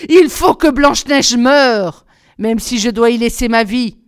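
A woman voicing a wicked queen disguised as an old peddler woman, shrill, theatrical and sneering, in a storybook reading. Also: normal speed, fairly bright tone, clear, resonant tone, no room sound, clean studio sound, natural voice. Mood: furious.

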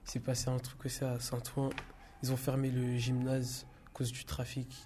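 A man's voice: mid-range voice, monotone, normal speed, mellow, slight background noise. A teenage boy speaking in a hesitant, listing way. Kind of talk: spoken testimony.

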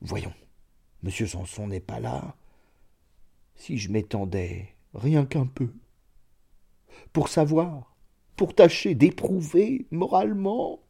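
A man's voice: mid-range voice, animated, takes it slowly, vocal fry, long pauses, warm tone, breathy edge, pitched above the performer's own voice, full character voice. A man voicing a sentimental middle-aged bourgeois, a former mayor, speaking in an emotional, sobbing way in a storybook reading. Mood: musing.

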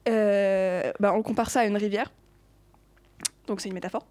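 A woman's voice: mid-range voice, steady tone, moderate pace, dark tone. A teenage girl co-hosting a student show, explaining her poem with hesitant, stumbling restarts. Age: teens. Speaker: student co-host.

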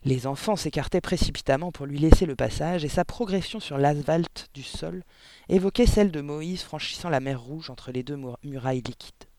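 A man's voice: fairly high pitch, normal speed, a little mellow, no room sound. Man narrating a story, dramatic. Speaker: audiobook narrator. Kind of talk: expressive audiobook narration.

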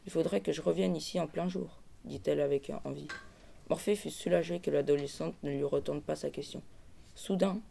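A man's voice: a little high, gravelly, mellow. A man presenting a novel on a radio show, reading an excerpt aloud and then giving his opinion with many hesitations. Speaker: book columnist. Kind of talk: book review with read-aloud excerpt.

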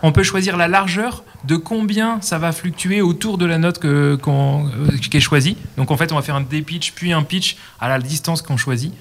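Picture a man with a fairly high voice on a casual live radio broadcast. He is walking his listeners through how sound effects work, pausing often and filling the gaps with hesitant "euh"s. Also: slight background noise. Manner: explanatory, hesitant with many fillers.

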